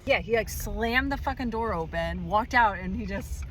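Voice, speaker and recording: A young woman vlogger telling a story in a casual voiceover, animated and exasperated, now and then swearing. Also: mid-range voice, moderate pace, slight background noise.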